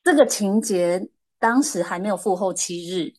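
A woman, a guest casually telling lively stories. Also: mid-range voice, moderate pace. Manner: lively anecdotal, shifting pace. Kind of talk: casual storytelling.

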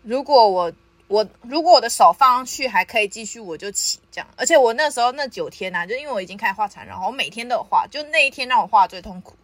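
Lively young woman storyteller. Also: fairly high pitch, quick pace, no echo. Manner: lively, laughs often while telling the story. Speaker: podcast host. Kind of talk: casual storytelling chat.

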